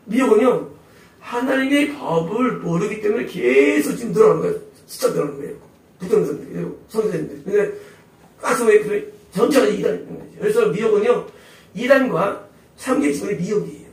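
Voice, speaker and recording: A man's voice: high voice, lively intonation, fairly quick, a little mellow. A male pastor preaching a sermon emphatically, constantly asking the congregation rhetorical questions. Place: church sanctuary. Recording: echoey hall, voice from far off.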